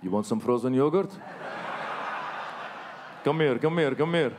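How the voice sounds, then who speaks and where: A man voicing a pushy male frozen yogurt seller who pitches like a shady dealer, hushed and wheedling. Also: expressive, measured pace, background noise, close to an everyday voice.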